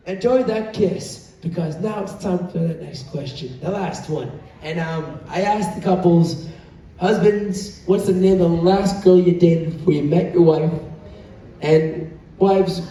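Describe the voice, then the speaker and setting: An upbeat cruise director with a high, mellow voice hosts a live couples game show, teasing the contestants like a showman. The large indoor venue on the cruise ship sounds echoey and distant, with faint background noise.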